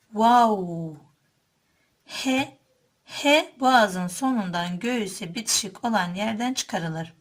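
A woman teaching how to pronounce Arabic letters, explaining each sound calmly and repeating every letter twice, loud and drawn out. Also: mid-range voice. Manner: calm explanatory tone, addresses listeners as dear friends. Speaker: Quran reading teacher. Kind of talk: slow, deliberate lesson on letter sounds.

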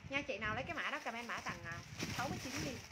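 A high-pitched woman hosts a live sale from a small room. She talks in repetitive, informal sales patter, naming prices and calling on buyers. Clear background noise sits behind her voice on the phone microphone. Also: expressive, very fast. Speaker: live-stream clothing seller. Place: small indoor room with curtains.

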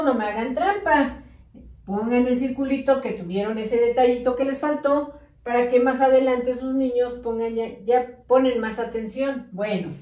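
A woman teacher gives a slow, patient lesson on handwriting and letters to parents and small children. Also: on the high side, a little mellow. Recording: roomy echo, voice from a distance.

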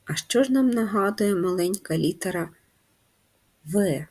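A woman teaching a handwriting lesson to first graders, patient and slow, guiding the children step by step. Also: medium pitch, animated, a little mellow, breathy edge. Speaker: primary school teacher.

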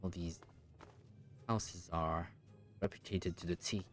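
A man's voice: low voice, fairly even intonation, takes it slowly, soft background music. A man in his thirties giving casual, hesitant, musing commentary as he plays a video game. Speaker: gaming streamer.

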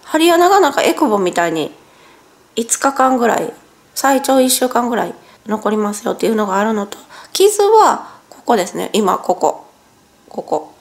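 A high, lively woman, chatting to camera at home. Her voice swings up and down as she goes. She sounds a little stiff and strained after nose surgery, and she often corrects herself mid-sentence. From Japan. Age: 40s. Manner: chatty, self-correcting, talks while wincing in pain. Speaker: vlogger. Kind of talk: casual vlog narration. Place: at home, indoors.

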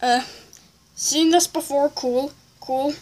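A woman with a high voice reads comments aloud in a casual vlog style. She adds off-the-cuff replies in a halting, rambling way, often correcting herself as she goes. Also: fairly even intonation, darkish tone. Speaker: video creator reading viewer comments aloud.

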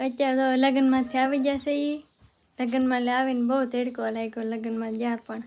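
A woman's voice: high-pitched, little pitch movement, quick pace, a little mellow, a little hiss or hum. A woman with a Gujarati accent chatting playfully and modestly on a family vlog, filmed on a handheld phone. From Gujarat, India. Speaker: family member, vlogging. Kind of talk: casual family vlog chat.

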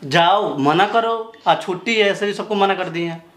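A man's voice: high-pitched, normal speed, fairly bright tone. A man playing a dismissive boyfriend in a roomy space. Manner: dismissive, shooing people away. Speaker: boyfriend in a domestic quarrel skit. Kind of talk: improvised Hindi comedy-drama skit.

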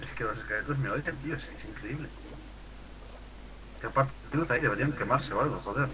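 A man's voice: mid-range voice, quick pace, noisy background. A man giving casual gameplay commentary with a friend, rambling, joking and swearing a lot. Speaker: gamer co-host.

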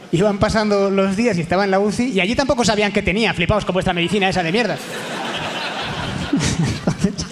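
Young comedian on stage, fairly high voice, storyteller who drops to whispers and bursts loud. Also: male voice, noisy background. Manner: storytelling, swings between hushed whispers and loud sung bits. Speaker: stand-up comedian. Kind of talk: live stand-up monologue. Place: theater stage before a live audience.

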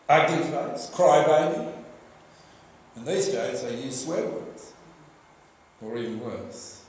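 An older Australian man preaching a sermon at a church lectern, telling the story in a lively way and asking the congregation questions. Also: mid-range voice. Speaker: pastor. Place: church hall with projection screen. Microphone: lectern microphone. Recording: very echoey church room.

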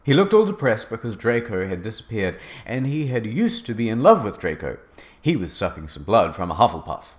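Low-voiced man reading with mock drama. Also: big pitch swings, a little fast. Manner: mock-serious, overwrought delivery. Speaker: narrator. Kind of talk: comedic dramatic reading of fan fiction.

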